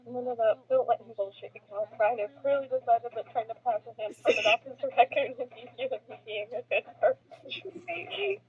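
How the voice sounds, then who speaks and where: A woman's voice: fairly high pitch, normal speed, slightly rough. A woman playing a blunt, caring, exasperated young woman in a video game. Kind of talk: reading a video game role aloud. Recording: thin phone-like audio, music behind.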